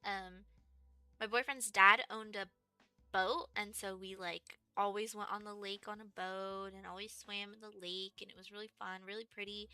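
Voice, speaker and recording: Bright, clear-voiced young woman streamer. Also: medium pitch, level tone, normal speed, no room sound, soft background music. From Texas, USA. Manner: rambling, chatty, many fillers like "like" and "um". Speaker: livestreamer. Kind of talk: casual stream chat.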